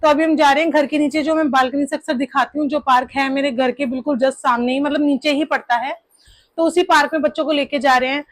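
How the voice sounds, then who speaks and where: A woman's voice: sits high, steady tone, fast talker. A young woman, a mother of two, narrating a casual family vlog in a chatty, homely way while getting over a sore throat. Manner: chatty, homely, full of fillers like "theek hai".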